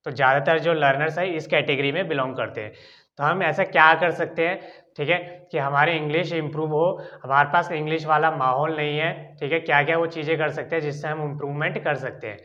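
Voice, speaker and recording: A man's voice: a little high, fairly even intonation, quick pace, pushed and bright, muffled recording. A man with an Indian accent teaching an English lesson, explaining step by step and often checking in with "ठीक है". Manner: repeats "ठीक है" often as a filler.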